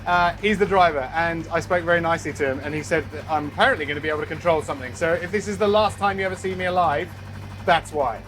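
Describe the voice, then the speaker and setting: A man's voice: fairly high pitch, fairly even intonation, fast, background noise. A man with an Australian accent presenting a travel vlog, moving between narration and casual chat with a wry, jokey, understated humour.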